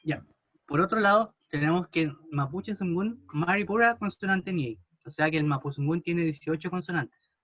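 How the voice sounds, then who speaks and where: A man teaching a language class, patiently modelling words slowly for students to repeat. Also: fairly high pitch, fairly bright tone, highs cut off. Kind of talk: classroom pronunciation lesson.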